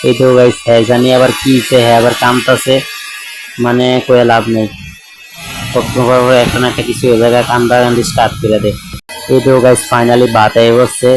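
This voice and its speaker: Hoarse male vlogger, monotone chatty voice-over over loud music. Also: medium pitch, quick pace, poor audio. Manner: chatty, keeps addressing viewers as guys. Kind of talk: casual voice-over vlog narration.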